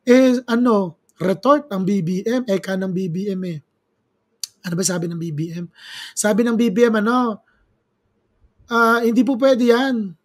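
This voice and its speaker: A man's voice: high-pitched, moderate pace, a little mellow. A man from the Philippines giving chatty, dramatic commentary as a video blogger, exclaiming often and mixing in English phrases. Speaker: political commentary vlogger. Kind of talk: casual commentary.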